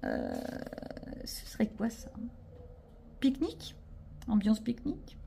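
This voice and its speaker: A woman's voice: a little high, wildly swooping pitch, a little slow, creaky, dark tone, a little hiss or hum. A woman with a French accent chatting casually to camera about her sticker and craft haul, self-mocking and full of fillers. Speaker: vlogger showing a craft haul.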